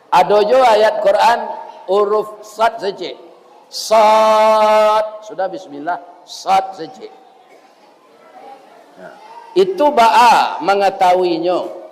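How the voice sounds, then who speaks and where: A man's voice: high voice, a little mellow. A middle-aged man with a Minangkabau accent preaching a folksy village mosque sermon, calling his listeners "Pak", chanting verses and reciting rhymes. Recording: long echo of a mosque hall.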